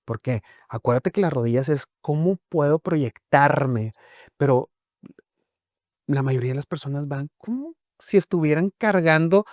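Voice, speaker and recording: A man's voice: on the high side, animated, a little slow, a little mellow, dry recording, clean studio sound. A man, a guest on a talk show, explaining his views with acted-out examples and rhetorical questions. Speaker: guest speaker on emotions and health.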